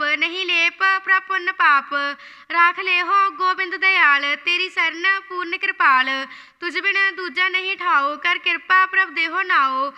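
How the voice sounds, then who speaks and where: A very high, bright woman's voice chants scripture slowly and deliberately, line by line. Her recitation is even and measured, and she repeats phrases after being corrected. The sound rings with a long hall reverb. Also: dull audio.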